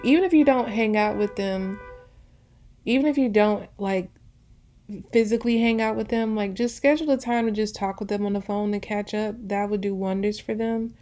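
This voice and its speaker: A warm, mid-range voice carries this host's intuitive pick-a-card tarot reading. She keeps things casual and conversational, often going back over her thoughts to phrase them differently.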